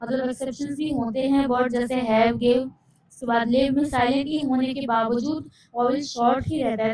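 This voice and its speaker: A woman teaching English spelling rules in Hindi. She reads each English rule slowly, then explains it quickly in Hindi, and asks questions that she answers herself. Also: sits high, darkish tone, low-quality recording.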